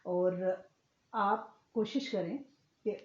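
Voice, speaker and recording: Woman religious teacher, earnest lecture style, mellow warm tone, muffled roomy recording. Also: mid-range voice. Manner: earnest, explanatory, often checks in with listeners. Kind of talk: religious lecture to a women's class. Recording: echoey room, slightly muffled sound.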